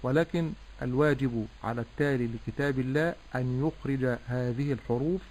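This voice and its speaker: A man teaching correct Quran recitation, explaining pronunciation slowly and drawing out vowels to demonstrate. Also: mid-range voice, a little mellow, a little hiss or hum, poor audio. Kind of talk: tajweed lesson with recitation.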